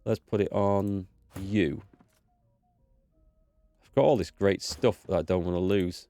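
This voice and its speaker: A deep, dark-toned male voice speaks a little slowly over faint background music. He's a let's play host with a stuffy nose from a cold, his voice not yet back, casually reading in-game text and thinking aloud as he plays.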